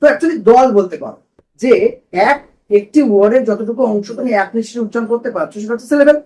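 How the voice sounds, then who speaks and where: A man's voice: very high voice, fast talker, dark tone, low-quality recording. A man teaching a grammar lesson to a class in a classroom, asking questions and repeating the students' answers.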